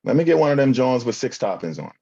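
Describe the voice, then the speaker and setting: A man's voice: mid-range voice, very animated, quick pace, vocal fry, mellow, dull audio, voice pushed up. A man putting on a Philadelphia accent to play a brash male pizza customer placing a demanding order.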